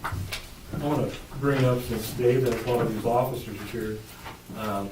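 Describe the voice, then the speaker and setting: An American man chairing a council meeting as mayor, speaking politely and a little haltingly in formal procedural language. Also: mid-range voice, steady tone. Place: echoey meeting room. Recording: distant mic, roomy echo, clear background noise.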